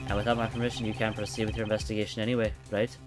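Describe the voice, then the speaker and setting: A man's voice: fairly low pitch, flat delivery, rapid-fire, lightly acted. Guy doing a formal polite ambassador, game music behind. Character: polite, firm middle-aged male ambassador.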